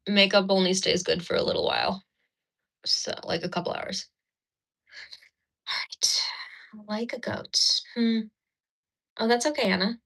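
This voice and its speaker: With a mid-range voice and a sharp tone, a woman from Ukraine chats and laughs with viewers during a casual livestream. She's doing her makeup indoors at a mirror, recorded on a phone.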